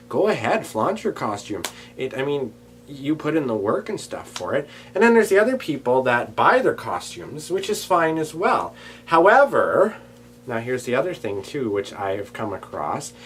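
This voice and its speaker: A man talking casually to camera in a daily vlog, animated and rambling, jumping between loud bursts and quiet asides. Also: mid-range voice, a little hiss or hum. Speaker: vlogger.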